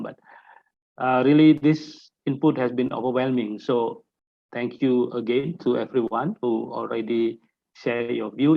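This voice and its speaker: A man from Malaysia, giving closing remarks at an online panel in a halting way with many filler pauses. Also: mid-range voice, creaky. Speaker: steering committee representative. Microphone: video call. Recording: lo-fi muffled call audio.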